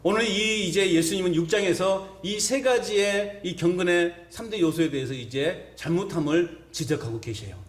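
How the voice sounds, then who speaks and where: A man's voice: high-pitched, moderate pace, hardly any pauses. A male pastor preaching a sermon to his congregation, putting rhetorical questions to the listeners. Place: church sanctuary. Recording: echoey church hall.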